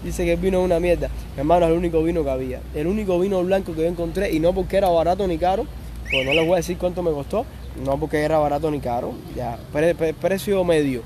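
A man's voice: a little high, fast, background noise. Chatty Cuban man on a live stream. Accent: Cuban Spanish. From Cuba. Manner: chatty, reads viewer comments aloud and answers them. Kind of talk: casual live stream chat.

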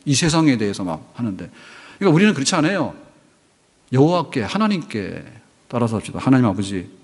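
A man's voice: mid-range voice, very animated, brisk, breathy edge, long reverb tail. A male pastor preaching a sermon in a conversational way, asking the congregation questions as he goes. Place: church sanctuary.

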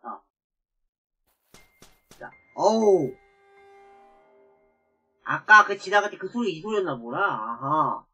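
A woman playing a video game and commenting as she goes, talking to viewers and exclaiming loudly when startled. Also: fairly low pitch, sing-song, slow, long pauses, breathy edge, faint music behind. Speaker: game streamer. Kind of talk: let's play commentary.

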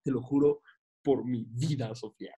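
A man's voice: mid-range voice, steady tone, moderate pace, mellow. A man with a Mexican accent, a comedian guest, telling stories in a casual, slangy, self-mocking chat and acting out voices as he goes.

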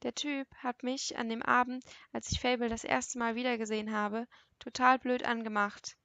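Gravelly-voiced woman reading a novel. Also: a little high, little pitch movement, normal speed, a bit bright, dry recording, lo-fi sound. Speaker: audiobook narrator. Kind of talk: first-person novel reading.

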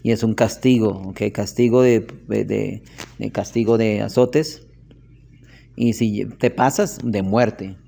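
A man's voice: on the low side, slow, creaky, warm tone. Chatty man teaching a class. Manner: chatty, asks "¿ok?" often, tells anecdotes with laughter. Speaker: religious teacher. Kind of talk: informal classroom lesson.

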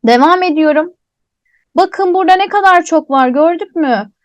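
A woman's voice: very high-pitched, normal speed, dry recording. A woman teaching a Quran recitation lesson, explaining step by step and asking and answering her own questions, drawing out letter names as she recites them. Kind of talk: online tajweed lesson.

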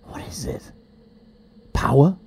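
An actor playing a quirky, defiant time-travelling hero in an audio drama, theatrical, moving between flustered mumbling and quiet threat. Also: male voice, slow, natural voice. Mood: intense.

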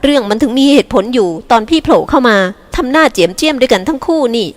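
หญิงพากย์เป็น พี่สาวเสียงสูงคาดคั้น. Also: female voice, high-pitched, animated, fast talker, in a large hall, voice pushed up. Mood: pressing. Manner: pressing, demanding. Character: composed, protective older sister.

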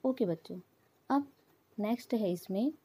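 A woman's voice: on the high side, expressive, unhurried, dark tone, husky. A woman teaching an English pronunciation lesson to children, patiently explaining with repeated examples.

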